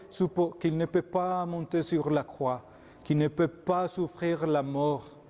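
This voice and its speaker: Slow Colombian-accented priest, echoing. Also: male voice, fairly high pitch, dark tone. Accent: Colombian Spanish. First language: Spanish. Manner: slow, earnest, with restarts and repeated words. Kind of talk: Sunday gospel homily.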